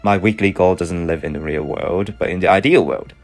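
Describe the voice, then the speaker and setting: Low-voiced man narrating over music. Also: fairly quick. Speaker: running vlogger. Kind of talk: scripted reflective voice-over narration. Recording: music behind the voice. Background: background music.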